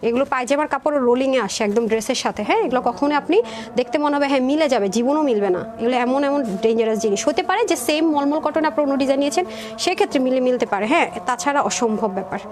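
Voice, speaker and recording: A woman presenting dresses in a live sales stream, chatty and rapid, calling viewers sister. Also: high-pitched. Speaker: online clothing seller.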